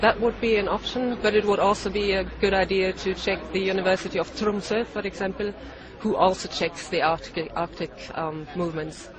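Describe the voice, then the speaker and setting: Hesitant man, high voice. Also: fairly even intonation, rough recording. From Norway. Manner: hesitant, halting, searching for words. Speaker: campaigner being interviewed. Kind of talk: street interview answers. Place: outdoors in a busy city street. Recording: street recording with crowd noise.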